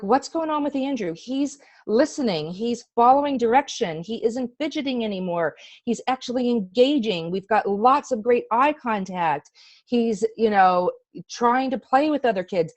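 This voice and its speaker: A middle-aged woman with a mid-range voice gives a casual, chatty personal testimonial, speaking earnestly and with emphasis. There is no room sound.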